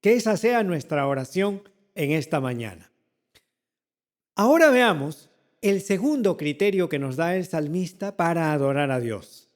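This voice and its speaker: A man delivers a sermon in a church. His voice sits high and his pace is unhurried. He repeats key words for emphasis and poses rhetorical questions to his listeners. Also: in a large hall. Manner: slow, deliberate preaching with repeated phrases and rhetorical questions. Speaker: pastor.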